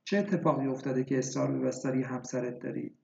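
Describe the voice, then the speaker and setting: Guy voicing a steady doctor asking careful questions, kinda dull lo-fi sound. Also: mid-range voice, creaky. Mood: probing. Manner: measured, probing questions. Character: calm questioning male doctor. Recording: echoey, dull lo-fi recording.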